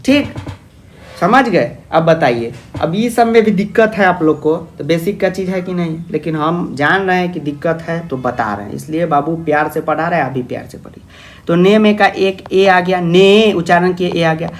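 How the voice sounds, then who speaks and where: A man's voice: fairly high pitch, normal speed. A man teaching a grammar lesson, coaxing his students along, calling them "babu" and posing their questions himself before answering. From India. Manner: coaxing, calls listeners "babu". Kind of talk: classroom-style grammar lesson.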